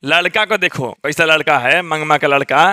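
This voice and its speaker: Male teacher, bright voice, dry close mic, acts out story lines. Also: a little high, moderate pace, dry recording. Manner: acts out characters' quoted lines in a raised voice. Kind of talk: explaining a story in a lesson.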